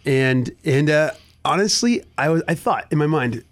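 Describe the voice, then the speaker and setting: A man's voice: a little high, animated, normal speed. Earnest man talking casually. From United States. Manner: earnest, many restarts. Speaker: nonprofit director, guest. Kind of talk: casual radio talk.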